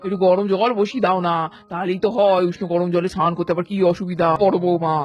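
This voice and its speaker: A woman's voice: fairly low pitch, flat delivery, fast, natural voice. A woman voicing a fussy, bossy elderly grandmother in a cartoon, calling out orders to her daughters-in-law. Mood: bossy, fussing. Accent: Bengali. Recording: slightly dull lo-fi cartoon audio with music.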